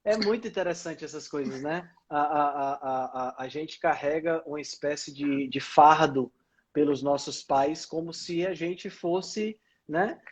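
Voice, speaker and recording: A man's voice: on the high side, unhurried, husky. A man hosting a podcast who prompts his guest and reacts a lot with short acknowledgments. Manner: animated, lots of backchannel and prompting. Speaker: podcast host. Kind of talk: conversational interview.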